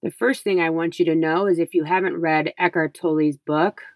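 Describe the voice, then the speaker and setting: A woman's voice: sits low, steady tone, normal speed, no room sound. A middle-aged woman hosting a podcast, speaking in an emphatic, conversational motivational style with repetition and rhetorical questions. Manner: emphatic, repeats phrases for effect, rhetorical questions. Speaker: podcast host.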